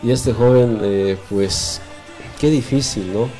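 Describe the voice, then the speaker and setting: A man's voice: mid-range voice, slow, warm tone, soft background music. A man, giving earnest faith-based family advice on a radio show with many tag questions. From Bolivia. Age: 40s. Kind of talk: radio talk with religious counsel.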